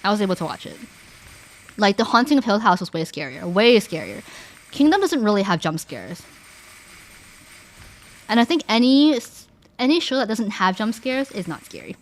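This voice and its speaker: A young woman from Canada streams and chats casually with viewers, animated yet marked by long pauses, at normal speed in a mid-range voice. She uses "like" constantly and keeps restarting what she's saying.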